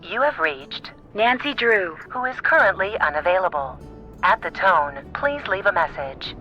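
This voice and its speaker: Nancy Drew's answering machine greeting. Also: female voice, mid-range voice, animated, faint music behind. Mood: polite. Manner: slow, formal, measured greeting. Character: young woman amateur detective, composed and polite. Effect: recorded answering machine greeting played down a phone line. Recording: muffled phone-line playback.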